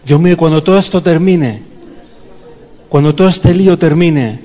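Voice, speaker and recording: A man's voice: fairly high pitch, moderate pace, warm tone. A man leading a fervent prayer and sermon in a church, pleading and calling on the congregation. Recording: long hall reverb.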